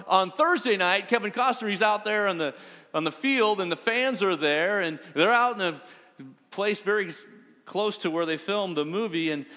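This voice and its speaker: A man preaching a sermon as pastor, telling a story in a conversational, animated way. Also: fairly high pitch, in a large hall.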